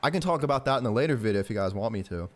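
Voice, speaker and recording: A man's voice: mid-range voice, animated, rapid-fire. A man in his early twenties from Georgia in the southern US, with an American accent, chatting informally and rambling as he commentates on a game. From Georgia, southern United States. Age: early 20s. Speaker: gaming YouTuber. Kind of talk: casual gameplay commentary with personal chat.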